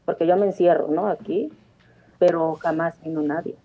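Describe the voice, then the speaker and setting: A woman's voice: low voice, fairly even intonation, moderate pace, warm tone. A woman, calling in to tell a personal story earnestly, rambling with frequent restarts. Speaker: caller. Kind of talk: telling a personal story on a phone-in show. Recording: tinny phone line.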